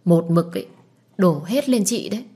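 Woman reading a nosy pushy young girl, husky lowish voice, bossy. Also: expressive, dark tone. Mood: indignant. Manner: pushy, quick to scold. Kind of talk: audiobook dialogue.

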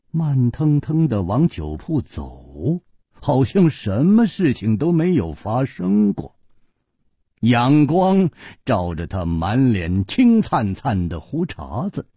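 A man's voice: breathy edge, no room sound. A man telling a martial-arts tale in traditional storytelling style, with dramatic delivery into a close mic. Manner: dramatic, highly expressive delivery.

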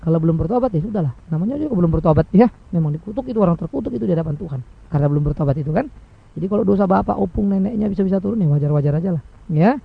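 A male preacher who delivers a sermon quickly and emphatically, throwing rhetorical questions at his listeners. His voice is rough and gravelly. The recording sounds dull and lo-fi. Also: high-pitched, expressive.

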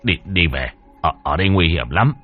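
A man's voice: low voice, animated, normal speed, breathy edge, narrow, tinny audio, soft background music, pitched below the performer's own voice. A man voicing an elderly grandfather who speaks curtly and urgently. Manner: curt, urgent. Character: gruff elderly grandfather, brisk.

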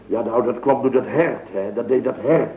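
Speaking at normal speed in a mid-range voice, a man plays the comic storyteller in a scripted radio comedy sketch, drily rambling through a pompous-sounding hunting anecdote. The recording is an old, tinny, hissy broadcast in a roomy space.

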